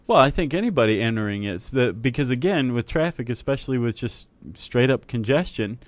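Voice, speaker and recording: A man with a mid-pitched voice co-hosts a casual podcast and explains ideas at length. He talks chattily and thinks aloud as he goes. The recording is close and dry. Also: animated, brisk, dry recording. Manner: explanatory, chatty, many fillers and restarts. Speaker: podcast co-host. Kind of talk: casual chat.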